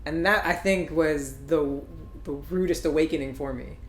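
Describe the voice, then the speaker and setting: Reflective man with a roomy echo. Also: on the high side. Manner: reflective, halting, many fillers. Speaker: podcast host and musician. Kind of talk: casual conversation.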